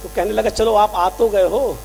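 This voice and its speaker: A preacher with a strikingly high voice tells a story to his listeners. He plays out the dialogue and builds to fervent shouts. A faint mains hum runs beneath the recording. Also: fairly even intonation, normal speed, creaky. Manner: impassioned, acts out dialogues, rises to shouting. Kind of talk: sermon with storytelling.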